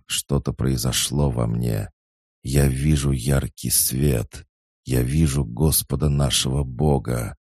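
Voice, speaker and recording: A man voicing a dying young king who prays feverishly, in a slow, hushed, pleading way. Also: a bass voice, creaky, no echo, clean studio sound, exaggerated voice.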